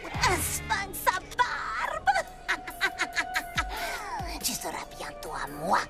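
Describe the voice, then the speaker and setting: A woman's voice: very high voice, huge pitch swings, slow, creaky, over loud music, heavily acted. A woman voicing a sly, greedy female cat-thief villain in a dubbed cartoon, gloating and cackling theatrically. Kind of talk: cartoon dub acting.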